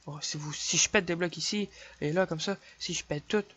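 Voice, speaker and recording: A young man with a Québécois French accent, chatting casually through a game tutorial, counting his clicks aloud and apologizing quickly for slips. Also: fairly high pitch, pushed and bright. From Quebec. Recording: dull lo-fi dry home mic.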